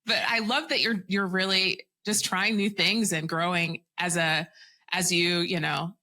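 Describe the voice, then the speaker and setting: Bright-voiced, enthusiastic female podcast host. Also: on the low side, steady tone, unhurried. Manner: enthusiastic and encouraging. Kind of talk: casual interview chat.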